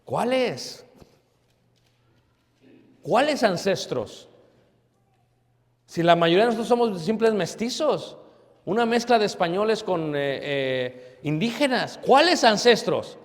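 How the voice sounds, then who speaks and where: A man preaches in a fairly high voice, with a long echo from the church hall around him. He fires rhetorical questions at the congregation and answers them himself. His voice swings from forceful to a near hush. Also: lively intonation, takes it slowly, pauses often. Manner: emphatic, with rhetorical questions and sudden drops to a hush. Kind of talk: sermon.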